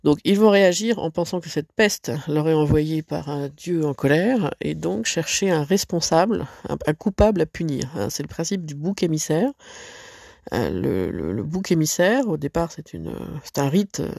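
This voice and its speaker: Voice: medium pitch, animated, moderate pace, vocal fry, a little mellow, dry recording, clean studio sound. A teacher reading a classic fable aloud, then explaining it in a conversational way with frequent asides and fillers. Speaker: French literature teacher. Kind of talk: recorded lesson with read-aloud fable.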